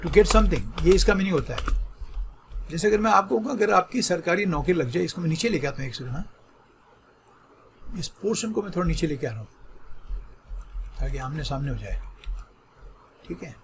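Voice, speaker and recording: Gravelly high-voiced man teaching vocabulary. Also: lively intonation, normal speed, long pauses, slight background noise. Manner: explains patiently, repeats "ठीक है" often, mixes English terms into Hindi. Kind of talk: online exam-prep vocabulary lesson.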